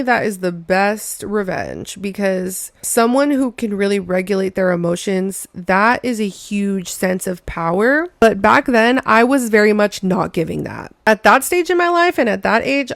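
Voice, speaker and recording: A woman's voice: mid-range voice, no room sound. Young female podcaster, casual storytelling, chatty and emphatic, dead-dry close sound. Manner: chatty, emphatic, says "girl" and "like" often. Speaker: podcast host.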